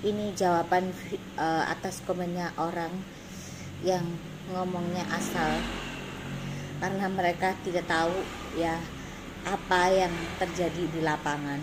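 In a small indoor salon office, an Indonesian salon owner and course teacher in her thirties talks casually to camera with an East Javanese accent, explaining in a blunt, emphatic, repetitive way. Her lowish voice keeps a fairly even intonation and a measured pace, broken by long pauses. A phone at arm's length captures it noisily, with room ambience audible.

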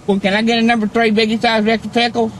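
A man's voice: very high voice, flat delivery, fast talker, fairly bright tone, faint music behind. A man voicing a crude, whiny Southern woman in a prank complaint, folksy and rambling, recorded inside a car. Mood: whiny complaining. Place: inside a car at a drive-thru window. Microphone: camera in the car.

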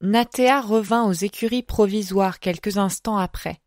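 A woman narrating an audiobook at a measured pace. Her voice sits mid-range, heard close and dry. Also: medium pitch, a little mellow, no echo. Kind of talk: scripted narration.

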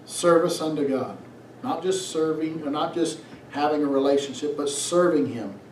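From a small church sanctuary stage comes the fairly high, darkish voice of a middle-aged pastor who reads scripture and preaches emphatically, lingering on phrases and posing rhetorical questions to exhort his audience. Recorded at a distance in an echoey room, it has slight hiss or hum.

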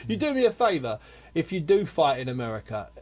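A man's voice: a little high, big pitch swings, a little fast, a little mellow. A man hosting a boxing radio show, chatting emphatically and joking with his guests. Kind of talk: radio interview chat.

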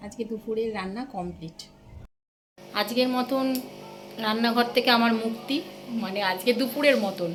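Chatty Bengali housewife in an echoey home. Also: female voice, a little high, normal speed, pauses often, music in the background. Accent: West Bengal Bengali. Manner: chatty, talks to viewers directly. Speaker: vlogger. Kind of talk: casual home vlog. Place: home kitchen and rooms. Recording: echoey room with household noise.

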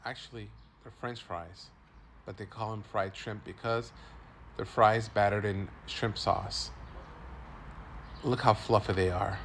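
A man's voice: on the low side, fairly even intonation, measured pace, creaky, pauses often, a bit bright, slight background noise. A man in his forties doing upbeat tour-guide commentary as a food vlogger, filming on a phone at an outdoor street food stall. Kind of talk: casual walk-and-talk food narration.

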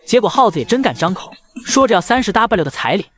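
A man narrates a joking recap of a short drama over clips, packing it with mocking quips and asides. His voice is high and fast, with big pitch swings.

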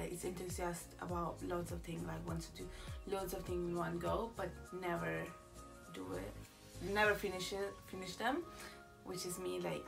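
A young Italian woman YouTuber sits in a small room for a casual get-to-know-me vlog chat, rambling with lots of fillers and restarts. Her voice is lowish with vocal fry, picked up by a distant mic in poor-quality audio.

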